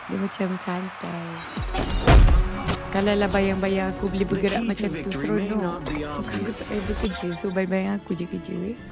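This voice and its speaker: Malaysian girl streaming, chatty and informal, gravelly fry in her voice, music playing. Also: mid-range voice, fairly even intonation, normal speed. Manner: informal, chatty, uses local particles. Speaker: live game streamer. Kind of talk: casual livestream chat, mixing Malay and English. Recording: music behind the voice.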